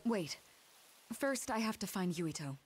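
A woman playing a resolute, gentle young mother in an anime game, composed and earnest. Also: mid-range voice, lively intonation, a little slow, soft background music, lightly acted. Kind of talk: anime video game dub acting.

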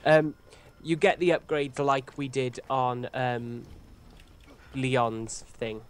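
Nasal-sounding man, slow gamer chat. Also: mid-range voice, little pitch movement, clean tone. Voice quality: nasal, blocked-nose sound. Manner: laughs often, self-mocking. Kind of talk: casual gameplay commentary.

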